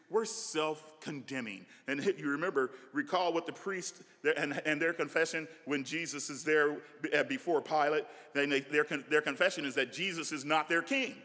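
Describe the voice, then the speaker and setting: A man preaching a sermon as senior pastor, animated and given to restarts and asides. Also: on the high side, in a large hall.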